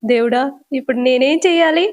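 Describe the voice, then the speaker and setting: A woman's voice: sits high, a little fast, lightly acted. Woman voicing a frightened, stammering older matriarch. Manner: scared, stammering. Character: frightened older mother-in-law.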